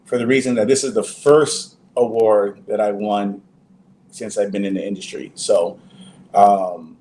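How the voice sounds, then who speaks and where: Laid-back man, dark voice. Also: on the low side, a little slow, a little hiss or hum. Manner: many fillers and restarts, relaxed. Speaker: actor guest. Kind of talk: casual interview.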